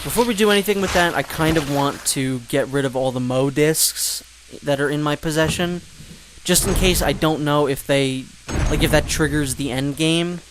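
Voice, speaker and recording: A man's voice: on the high side, steady tone, normal speed, noisy background. A man giving casual gameplay commentary, rambling with joking asides and fillers. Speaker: let's play commentator.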